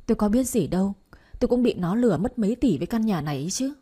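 A woman voicing a loud, lamenting older woman who has been cheated of her money, in an audio story. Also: mid-range voice, lively intonation, fast talker, husky. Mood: pleading. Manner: loud lamenting, crying out to heaven.

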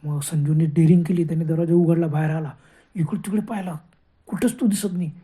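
A man's voice: fairly high pitch, steady tone, fast talker, warm tone. A man telling a horror story in a dramatic way, full of gasping exclamations.

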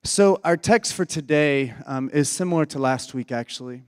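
A man, a pastor whose voice is hoarse from illness, praying and preaching in an earnest, folksy way that often restarts phrases. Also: a little high, normal speed. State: hoarse, losing his voice. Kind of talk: sermon with opening prayer. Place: church sanctuary. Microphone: handheld or stage mic. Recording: dry close mic with long hall reverb.

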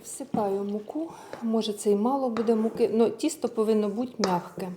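A woman with a slightly high voice speaks briskly over heavy background noise as she chats through a casual cooking tutorial. A home cook showing a recipe, she narrates each step while she works and mixes Russian words into her speech.

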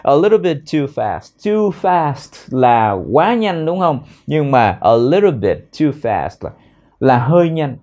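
A man with a Vietnamese accent teaching an English lesson, repeating words slowly to drill pronunciation. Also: a little high, very animated, darkish tone. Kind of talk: language lesson explaining phrases.

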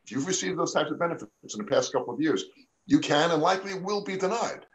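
Chatty New lawyer on radio. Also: male voice, fairly high pitch, lively intonation, fast, rough recording. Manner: conversational, lots of "you know" and "all right?". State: losing his voice. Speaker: immigration attorney on a radio show. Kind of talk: live radio talk show.

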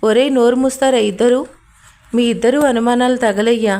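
A woman's voice: on the high side, steady tone, normal speed, mellow, close to an everyday voice. A woman voicing an irritated young man who snaps at his friends in an audio story. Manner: snappish, scolding friends. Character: hot-headed young man, the hero, irritated.

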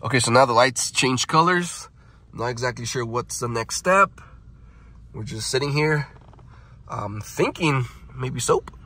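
Bright and forceful, this mid-range male voice is expressive and keeps a measured pace. He's a young man filming a casual vlog on a handheld phone from his truck in a car wash, addressing viewers with nervous yelps and laughter.

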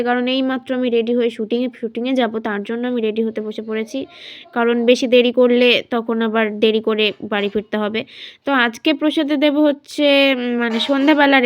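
A young woman from West Bengal chatting through her daily home vlog on a phone camera, often repeating phrases for emphasis. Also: fairly high pitch. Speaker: daily vlogger. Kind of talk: casual vlog narration. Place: at home, indoors.

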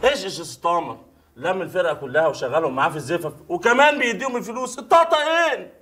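An actor playing a chatty Egyptian doorman who gossips in a lively way. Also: sits high, racing, slight background noise. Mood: gossipy. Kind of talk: comedic film acting.

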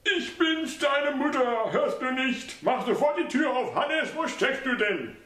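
A man voicing a domineering ninety-one-year-old mother who nags and scolds her grown son in a shrill, commanding voice. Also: expressive, a little slow, sharp tone, a little hiss or hum, heavily acted. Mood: scolding. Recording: roomy echo.

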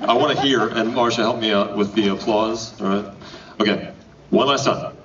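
A man's voice: fairly low pitch, moderate pace. A man hosting a contest at a cinema event, joking and teasing the contestants. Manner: teasing, lively. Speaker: event host. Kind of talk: joking emcee banter. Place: cinema lobby at a screening. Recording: distant lo-fi camera audio with crowd.

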